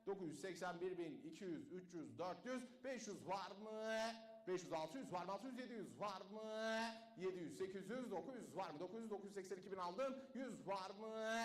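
A man working as a car auctioneer, rattling off bid after bid in a rapid chant and dropping his voice low each time he names the standing price. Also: animated, roomy sound. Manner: rattles off bids in a fast chant, drops low to call the price.

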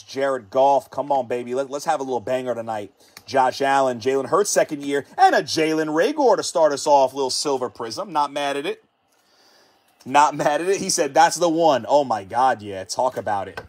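A man hosting a live sports card break, hyped and chatty, calling out each card as he pulls it and hyping the viewers. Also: fairly high pitch. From United States. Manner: hyped, repetitive catchphrases, rapid card call-outs.

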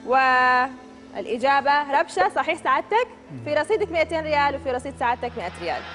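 In a studio, a woman hosts a TV quiz show, firing off questions and answer choices at a quick clip while show music plays behind her. She's brisk, upbeat and crisp. Her voice is pitched high and fairly bright, with lively intonation.

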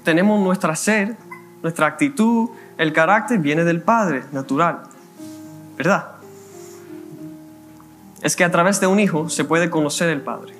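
A man with a Cuban Spanish accent giving a conversational sermon as a minister, slowing down to read scripture aloud. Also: fairly high pitch, fairly bright tone, faint music behind. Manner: conversational preaching, slows down reading scripture. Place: church.

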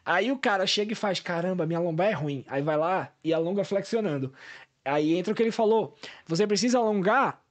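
A man's voice: high voice, animated, brisk. A man, a guest on a podcast, explaining physiotherapy in technical, step-by-step talk.

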